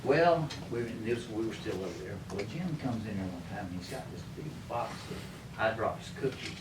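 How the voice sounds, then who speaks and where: A man telling casual, chuckling stories to a live group, acting out other people in quick bits of dialogue. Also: lowish voice, lively intonation, heavy background noise. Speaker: storyteller at a krewe gathering. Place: hall with a gathered audience. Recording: echoey room, distant mic, loud ambience.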